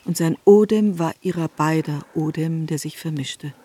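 High-voiced male narrator. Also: moderate pace, mellow. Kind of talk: literary radio narration.

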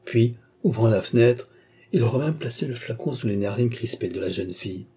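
A man narrating a classic novel as an audiobook in a measured storytelling manner. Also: mid-range voice, lively intonation, dark tone, breathy edge.

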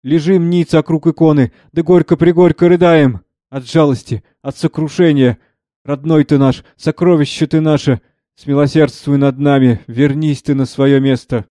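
A man reading the part of a pious old monastery monk, slow and sing-song, scornful in turns. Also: fairly high pitch, steady tone, mellow, no room sound, studio quality, pitched above the performer's own voice, lightly acted. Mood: grieving.

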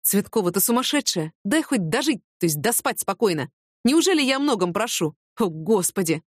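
A woman's voice: medium pitch, sing-song, normal speed, husky, no room sound, studio quality. A woman reading an audiobook, voicing an injured, weary male police major who complains in an exasperated way.

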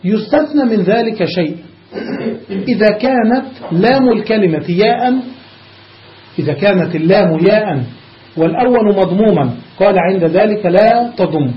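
High-voiced sheikh drilling grammar on dull tape. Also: male voice. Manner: quizzes students with rhetorical questions; recites word forms one after another in a measured, drilling way. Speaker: sheikh teaching Arabic grammar. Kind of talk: classroom lecture on grammar. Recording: dull lo-fi lecture recording.

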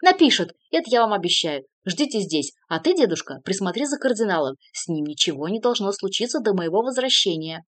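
A woman's voice: very animated, fairly quick, few pauses, dry recording. A woman voicing a furious young count. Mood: furious shouting. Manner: shouting, raised and high. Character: hot-tempered young male count, furious.

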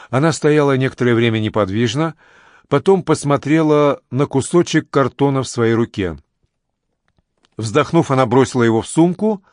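A man with a mid-range voice narrates an audiobook in an even, measured storytelling manner. The sound is clean studio audio with no room sound.

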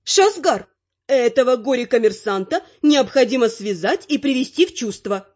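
A woman voicing a spry, sharp-tongued, bossy old grandmother in a brisk, scolding way. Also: on the high side, expressive, slightly rough, voice pushed up. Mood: commanding. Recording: muffled lo-fi recording.

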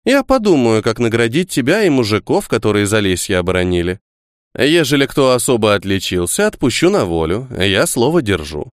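A man voicing an elderly noble countess who gives orders in a brisk, old-fashioned way. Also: fairly low pitch, sing-song, no room sound, clean studio sound. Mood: commanding. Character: elderly noble countess, commanding, gruff but kind.

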